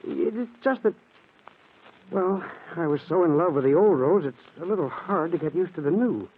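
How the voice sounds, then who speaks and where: An actor playing an anxious, devoted young husband who stammers earnestly in 1940s radio acting style, on a tinny old broadcast. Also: male voice, on the high side, lively intonation, normal speed. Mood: flustered.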